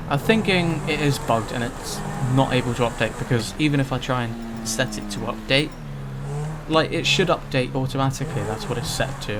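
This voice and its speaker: A man's voice: mid-range voice, heavy background noise. Young man rambling over gameplay. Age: 20s. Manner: rambling, mildly frustrated, swears casually. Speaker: gaming YouTuber. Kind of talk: casual gameplay commentary.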